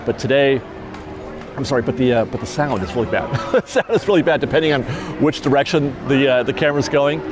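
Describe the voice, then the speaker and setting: Over music, a man with a mid-range voice talks a little fast as he vlogs outdoors at a theme park at dusk. His casual walking-vlog talk is reflective, rambling and sentimental, picked up on a lapel mic, with crowd chatter outdoors behind him.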